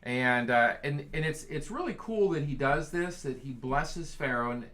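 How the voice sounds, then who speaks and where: A man's voice: medium pitch, expressive, moderate pace, a bit bright. A man leading a casual Bible study, reading scripture aloud with enthusiasm and joking along the way.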